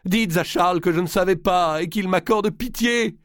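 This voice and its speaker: A man's voice: high voice, normal speed, a bit bright, no room sound, clean studio sound, pitched above the performer's own voice. A man reading aloud and voicing a young noblewoman who sobs and pleads. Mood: pleading. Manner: sobbing, pleading cries.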